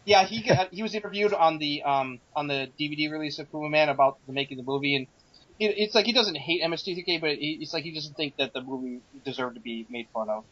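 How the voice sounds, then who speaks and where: A man co-hosting a podcast, chatting in an animated way and laughing often. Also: on the high side, quick pace. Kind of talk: casual podcast chat. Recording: muffled lo-fi podcast audio.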